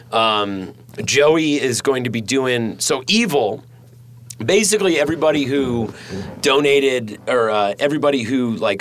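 A man's voice: mid-range voice, fairly bright tone. A man hosting a podcast in a studio, chatting casually and rambling with lots of fillers and swearing. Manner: rambling and profane, many fillers. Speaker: podcast host. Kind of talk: casual chat.

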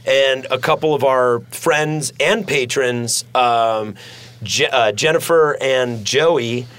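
A man's voice: mid-range voice, fairly bright tone. Man, podcast host, casual, rambling, profane, fillers, studio. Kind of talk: casual chat.

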